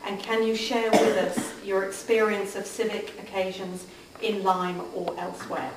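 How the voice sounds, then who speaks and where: A woman's voice: medium pitch, little pitch movement, unhurried. A woman on an interview panel, asking formal questions in a conversational way. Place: echoey meeting room. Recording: echoey room, distant mic, loud background noise.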